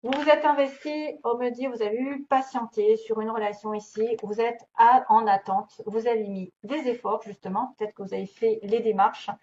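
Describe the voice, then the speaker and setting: A woman's voice: fairly high pitch, fairly even intonation, normal speed, hardly any pauses, a little mellow. A woman doing a casual tarot reading, chatty and thinking aloud with many fillers and small laughs. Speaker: tarot reader. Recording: dull lo-fi recording, faint noise.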